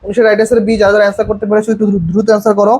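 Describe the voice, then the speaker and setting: Young male tutor, high voice, online admission-prep class; coaxing, reads examples out slowly. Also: completely flat delivery, a little mellow, poor audio. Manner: reads English sentences slowly and deliberately between quick explanations; coaxing, calls students "ভাইয়া" and prompts them to answer. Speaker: English admission-test tutor.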